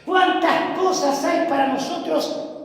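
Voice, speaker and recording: A man preaching a sermon with dramatic emphasis, asking his congregation rhetorical questions. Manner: dramatic, emphatic delivery with pauses. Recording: booming echo of a large hall.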